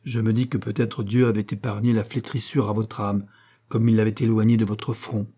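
A man reading aloud who voices an earnest, pious sixteen-year-old Venetian girl, pleading softly and at times in a hushed voice. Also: fairly low pitch, flat delivery, fairly quick, husky. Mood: hushed dreamy. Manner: pleading, soft and dreamy, sometimes whispered.

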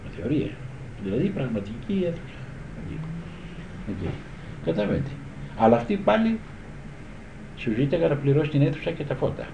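A man's voice: fairly high pitch, sing-song, vocal fry, pauses often, background noise. An older man, a guitar teacher, reminiscing in a rambling, conversational way and often asking if his listeners understand. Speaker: guitar teacher recalling the past. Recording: echoey room, dull old tape.

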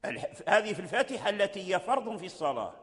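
A man teaching Quran recitation as a sheikh, explaining slowly and repeating his phrases. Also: high voice, very animated, a bit bright. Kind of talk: religious lecture. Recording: long hall reverb.

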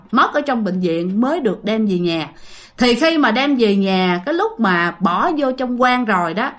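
A woman's voice: fairly high pitch, pushed and bright. A woman casually retelling a ghost story, chatty and full of fillers, speaking to her listeners.

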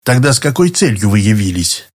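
A man's voice: lowish voice, very animated, brisk. A man reading an audiobook, voicing a falsely polite middle-aged tenant who turns curt and wary. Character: smooth-then-suspicious middle-aged male tenant.

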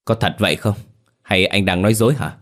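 A man's voice: fairly low pitch, brisk, lightly acted. A stern old village sorceress, as a man reads her.

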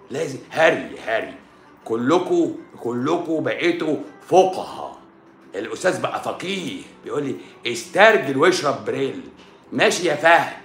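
A man's voice: on the high side, bright, forceful tone, roomy sound. A man with an Egyptian Arabic accent, a doctor answering viewers on a live stream in a sarcastic, scolding, rhetorical way.

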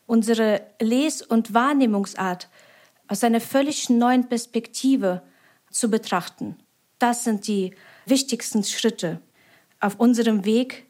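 Woman expert, academic, slightly higher voice, earnest explanation. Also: slow pace, a little mellow. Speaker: expert speaker. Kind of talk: explanatory talk.

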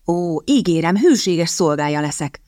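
A woman reading the lines of a sardonic young gentleman in an audiobook, in a drawling, teasing tone of mock courtesy. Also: on the low side, expressive, no echo, clean studio sound, natural voice. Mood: mock-gallant.

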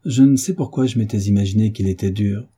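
A man's voice: fairly low pitch, fast talker, slightly rough. Man reading as an eager eighteen-year-old youth. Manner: eager, animated.

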